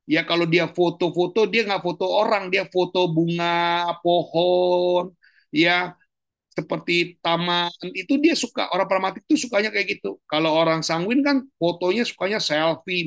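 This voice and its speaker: A man, a pastor, giving a casual teaching talk on a video call, colloquial and animated, jumping up in pitch for emphasis. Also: no room sound. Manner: animated, colloquial, jumps high in pitch for emphasis and laughs often. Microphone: online video call.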